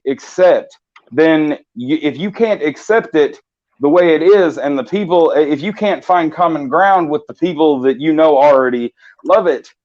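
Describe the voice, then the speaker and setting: Hosting a casual morning live-stream chat, a man speaks in a slightly high, darkish voice. He rambles passionately in long runs, restarting often, and the audio is a bit muffled.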